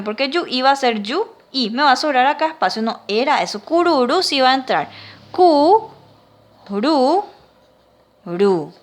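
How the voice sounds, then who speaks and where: A woman's voice: fairly high pitch, a bit bright. A woman teacher with a Paraguayan Spanish accent, patiently dictating words and sounding them out syllable by syllable in a classroom lesson.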